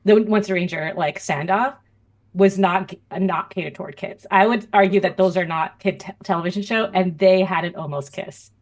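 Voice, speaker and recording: A woman co-hosting a fan podcast in casual chat, animated and chatty, often breaking into laughter. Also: lowish voice, normal speed. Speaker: podcast co-host.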